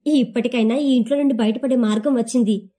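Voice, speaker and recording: A woman's voice: a little high, steady tone, fairly quick, lightly acted. A woman voicing a naive, innocent young bride. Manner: innocent, soft.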